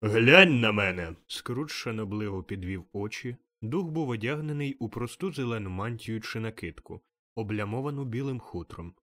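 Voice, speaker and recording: A man giving expressive, measured audiobook narration of a classic tale. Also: lowish voice, no echo.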